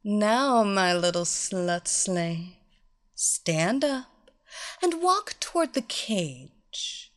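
A woman voicing a commanding blonde female hypnotist who gives slow, purring, drawn-out orders. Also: medium pitch, big pitch swings, fairly bright tone, full character voice.

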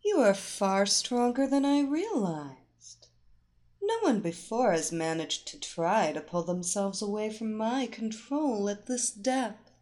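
A woman voicing a seductive, domineering female hypnotist who gives slow, soothing commands. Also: mid-range voice, big pitch swings, darkish tone. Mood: surprised, commanding. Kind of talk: erotic audio story acting.

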